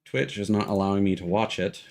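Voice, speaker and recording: A man streams a video game and rambles casually through sweary commentary while game music plays behind him. His voice sits on the low side, brisk and marked by vocal fry.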